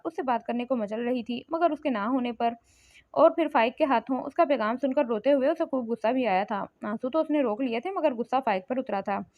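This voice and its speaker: High-voiced woman narrating a romance novel. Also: a little mellow, no echo. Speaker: audiobook narrator. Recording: slightly muffled lo-fi recording.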